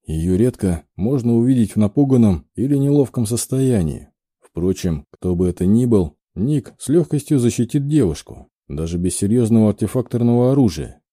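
Dark-voiced male audiobook narrator. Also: fairly low pitch, moderate pace, dry recording, clean studio sound. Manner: expressive storytelling. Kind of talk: scripted narration.

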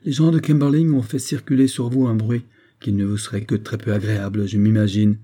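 An earnest young man confronting someone with urgent reproach, voiced by a male reader. The tone is dark and somewhat husky, pitched a touch higher than the narration. He sounds like the righteous hero of a period novel. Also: little pitch movement, a little fast, lightly acted. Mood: probing.

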